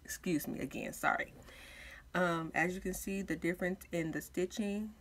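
A woman's voice: lowish voice, steady tone, moderate pace, a bit bright, slight background noise. A woman giving casual step-by-step craft instruction as a tutorial host, informal, with slightly lisped speech from wearing retainers.

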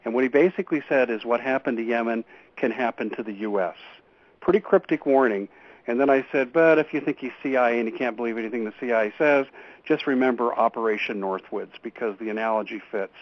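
Appearing as a guest on a call-in radio show, a man with a medium-pitched voice speaks briskly and earnestly about urgent warnings. He often restarts his sentences, and the audio has a dull, lo-fi radio quality.

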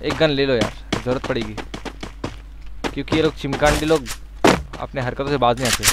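A man from India giving casual gameplay commentary as a streamer, excitable, swinging from loud pleading to muttered threats. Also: mid-range voice, brisk, heavy background noise. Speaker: mobile game streamer. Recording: loud game gunfire behind the voice. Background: game gunfire and shots.

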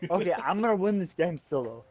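A man's voice: sits high, animated, a little fast, a little mellow. A drunk man chatting loosely with friends while gaming, rambling and stumbling over his words. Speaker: gamer playing with friends online. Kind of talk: casual chat while gaming.

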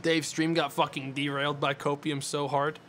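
A man's voice: a little high, flat delivery, normal speed, a bit bright, a little hiss or hum. A man in his twenties, a streamer chatting casually with his viewers in a mock-indignant, ranting way, swearing often. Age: 20s. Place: small dim room indoors.

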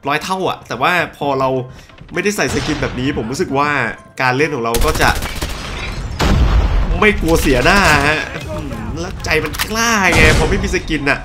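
A young man talks his way through a shooter match, chatty and quick to burst out in excited exclamations. His voice sits a little high. Game music and gunfire play clearly behind him. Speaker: gaming YouTuber. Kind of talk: live gameplay commentary.

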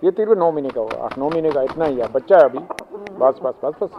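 A man's voice: mid-range voice, animated, a little fast, a little hiss or hum. A man who breeds roosters, explaining his birds in a plain, matter-of-fact way and talking fondly to them. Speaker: poultry breeder. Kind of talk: casual explanation. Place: outdoor poultry farm. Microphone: phone camera. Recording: muffled phone audio with roosters nearby.

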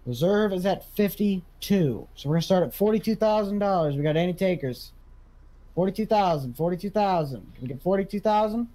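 Man playing a high-pitched farm auctioneer. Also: expressive, fairly quick, mellow. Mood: selling briskly. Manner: auctioneer's bid calling, repeating prices. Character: Buck, a male farm equipment auctioneer. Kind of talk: casual improvised video game role-play.

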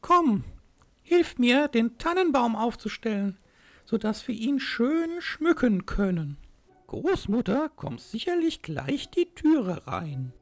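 A woman playing a cheerful, cheeky young boy in a children's puppet play, speaking simply and deliberately. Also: on the high side, very animated, full character voice. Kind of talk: children's puppet theatre dialogue.

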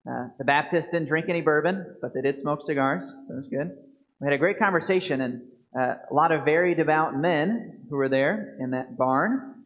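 Priest in his thirties, measured homily at the lectern mic, slightly raised pitch, muffled church-stream sound. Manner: earnest, measured preaching with slow emphatic stresses. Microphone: fixed lectern microphone. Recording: dull lo-fi church video stream.

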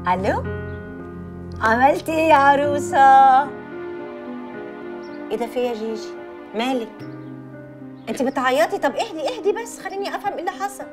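A woman's voice: sits high, very fast, pauses often, music in the background, lightly acted. An actress playing a young woman's loyal, level-headed best friend, speaking with an Egyptian Arabic accent in a teasing, soothing, placating way. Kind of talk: film drama acting. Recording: faint film score behind.

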